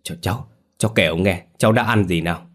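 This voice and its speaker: A man's voice: fairly low pitch, brisk, natural voice. A man voicing a worried old grandfather who asks trembling, stammering questions.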